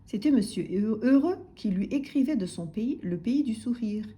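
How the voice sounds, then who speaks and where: A woman narrating a children's story aloud in an expressive, soft-spoken way, sometimes dropping to a whisper. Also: on the high side, moderate pace.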